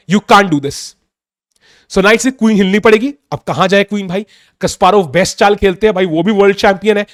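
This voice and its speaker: A young man with a sore throat giving a casual chess lesson, excitedly calling out moves and mixing in English. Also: high-pitched, no echo, studio quality. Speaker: chess coach.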